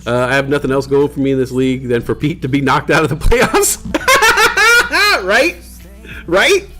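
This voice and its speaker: A man's voice: mid-range voice, flat delivery, very fast. Chill guy chatting on his stream, hiccups, lots of uhs, faint music behind. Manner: laid-back, rambling with many fillers. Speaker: livestream host. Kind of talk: casual chat to stream viewers. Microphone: desk microphone.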